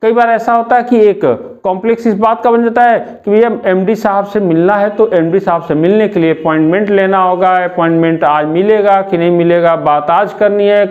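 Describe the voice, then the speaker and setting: High-voiced Indian man lecturing. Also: darkish tone, lo-fi sound. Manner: explains slowly, repeats key terms as questions. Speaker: teacher. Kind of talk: classroom lecture.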